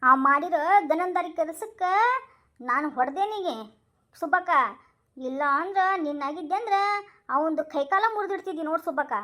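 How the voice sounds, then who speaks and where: A woman voicing a fierce, sharp-tongued village wife in a cartoon, with a North Karnataka Kannada accent. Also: very high-pitched, normal speed. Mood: scolding. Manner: scolding, bold.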